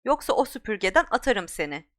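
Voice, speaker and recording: A woman's voice: a little high, big pitch swings, a little fast. Woman reading a defiant young boy wizard. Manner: shouting defiantly. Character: brave, hot-tempered boy wizard.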